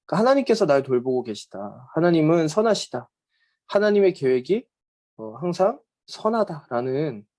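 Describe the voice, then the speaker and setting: Man, Bible teacher, conversational lecture, hesitant fillers, animated pitch, mellow voice. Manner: conversational, often acts out quoted speech.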